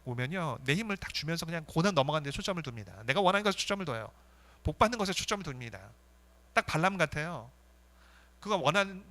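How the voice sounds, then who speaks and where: A male pastor preaching a sermon in an earnest way, with swings between fervent rises and soft, intense drops. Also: fairly high pitch.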